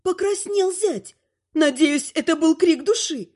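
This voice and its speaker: A woman narrating an audiobook in first person, with a lively, theatrical delivery. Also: very high-pitched, measured pace.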